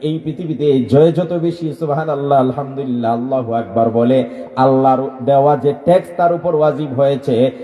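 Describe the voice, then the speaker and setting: A man preaching a sermon to a large gathering, questioning the crowd and leading them in loud chants, swinging from low talk to shouting. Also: fairly even intonation, moderate pace, reverberant, highs cut off.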